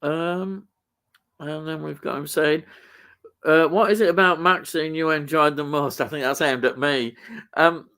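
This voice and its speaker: Older Yorkshire man, higher-pitched chatty voice. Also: steady tone, measured pace, bright, forceful tone, clear, resonant tone. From Yorkshire, England. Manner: enthusiastic, rambling. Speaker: show host. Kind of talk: casual film and TV chat.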